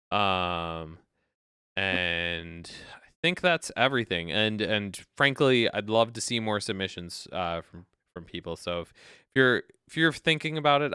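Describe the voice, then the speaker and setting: A man hosting a casual photo editing livestream, talking in a relaxed way with lots of fillers and encouraging his co-editors. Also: deep voice, clear, resonant tone, dry recording, studio quality. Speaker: host of a photo editing stream.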